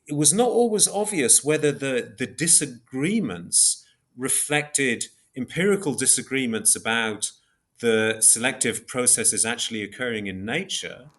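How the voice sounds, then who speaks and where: A man of medium pitch and slightly bright tone speaks as an interview guest. Measured and academically precise, he keeps repeating and reshaping phrases while thinking aloud.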